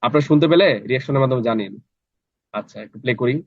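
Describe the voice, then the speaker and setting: A man's voice: mid-range voice, rapid-fire, heavy background noise. A man teaching a live online class in a chatty way, often checking in with his students. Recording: dry, slightly dull online class audio.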